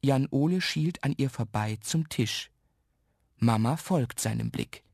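A man narrating a children's radio story with lively, expressive storytelling. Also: mid-range voice, a little slow, husky, dry recording, clean studio sound.

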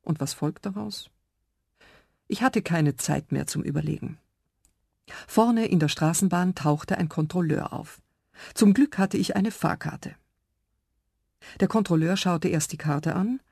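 A woman reading a children's radio story aloud in calm, clear first-person narration in a studio. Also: on the low side, measured pace, long pauses, no echo.

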